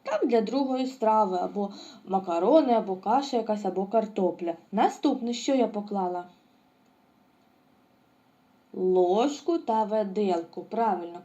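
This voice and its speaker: Mellow-voiced woman teaching small children. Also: mid-range voice, lively intonation, normal speed, dull audio. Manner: asks questions and answers them herself, praising. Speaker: preschool teacher. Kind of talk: lesson for young children.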